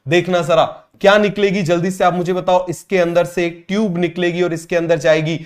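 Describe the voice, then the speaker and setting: Male coaching-class teacher with a slightly high voice; drills students with repeated questions and stretches out key terms. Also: flat delivery. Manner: repeats every point and asks students to call out answers; drawls key English terms slowly. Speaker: biology teacher.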